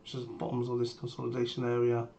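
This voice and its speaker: Male trader for live market commentary, voice strained by a sore throat, mid-pitched and level, brief and matter-of-fact, faint noise and typing behind. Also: quick pace, muffled recording. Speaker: trader sharing a premarket plan. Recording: steady background noise, keyboard typing.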